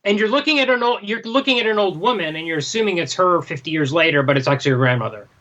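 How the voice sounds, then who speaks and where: A man co-hosts a casual book discussion podcast in a high, slightly bright voice, talking fast and animatedly. He hesitates and repeats himself often, and the lo-fi audio sounds a little dull.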